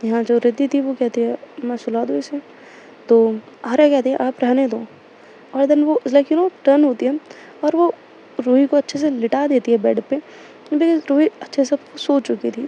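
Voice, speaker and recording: A woman's voice: high voice, moderate pace, mellow. A woman narrating an audio story in a casual, rambling way, with many fillers and self-corrections. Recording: dull lo-fi recording, faint hiss.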